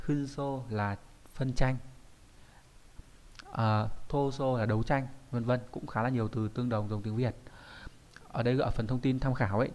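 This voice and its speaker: A man teaching an online kanji lesson in a chatty, explanatory way, often pausing to check that his students follow. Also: mid-range voice, darkish tone. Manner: explanatory, with frequent checking tags. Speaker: Japanese teacher.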